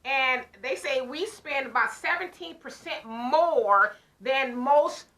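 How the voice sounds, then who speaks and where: Speaking slowly in a bright, high voice, a woman co-hosting a podcast tells a story during casual chat. She's an animated storyteller who acts out her own side of the conversations she recounts.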